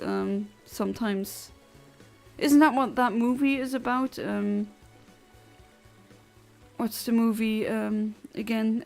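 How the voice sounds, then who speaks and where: Replying to viewers in her livestream chat, this woman talks casually in a gravelly, mid-range voice. She's a Luxembourgish-speaking streamer by first language, chatty, blunt and literal, frequently breaking off to start over.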